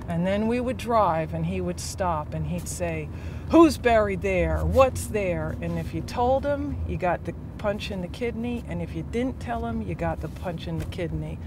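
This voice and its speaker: A middle-aged woman giving documentary testimony, retelling painful memories in halting, repetitive phrases with acted quotes. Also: on the low side, animated, background noise. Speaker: interviewee.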